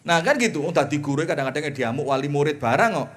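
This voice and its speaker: A man with a fairly high voice and a Javanese accent gives a lively, folksy sermon. He chants Arabic phrases slowly and then explains them conversationally, and his voice swings between loud emphasis and soft asides. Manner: folksy, mixes in homely jokes. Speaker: Islamic preacher.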